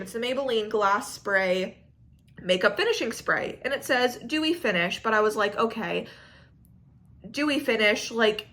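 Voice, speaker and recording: A young woman with a bright, clear-toned voice chats casually to camera about beauty products. She rambles frankly, piling on "like" and "I don't know" as she goes. She is expecting a baby. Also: a little high. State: pregnant. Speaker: beauty vlogger. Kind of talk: casual chatty product review.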